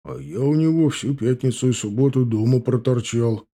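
Male reader as grumbling older father-in-law, husky and dark, audiobook. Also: mid-range voice, normal speed, close to an everyday voice. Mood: conspiratorial. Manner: gruff, confiding, drops to a whisper.

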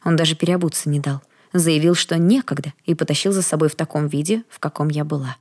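Low, husky woman narrating a novel. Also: steady tone, fast talker, a little mellow. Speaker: audiobook narrator. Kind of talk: first-person fantasy novel narration.

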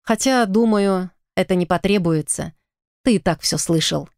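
A woman voicing a calm, composed male lycan, the elder brother, in an audiobook. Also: high-pitched, gravelly, dry recording, clean studio sound. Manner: calm, measured.

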